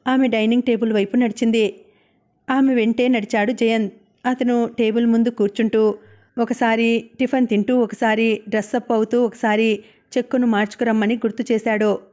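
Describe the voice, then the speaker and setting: A woman narrating a novel as an audiobook in a steady, even reading manner. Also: a little high, normal speed.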